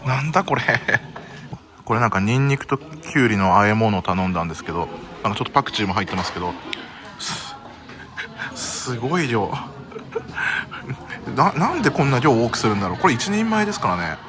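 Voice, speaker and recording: A man's voice: medium pitch, sing-song, a little fast, long pauses. Chatty Japanese man vlogging on the road. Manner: chatty, talks to himself with frequent exclamations. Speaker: travel vlogger. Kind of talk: casual travel vlog narration. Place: hotel and hot spring resort, indoors and outdoors.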